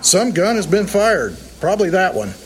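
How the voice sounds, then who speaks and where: A man's voice: high-pitched, big pitch swings, moderate pace. A man playing a flippant, cocky cop. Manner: flippant, joking. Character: crude, cocky male cop partner. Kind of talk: audio drama acting.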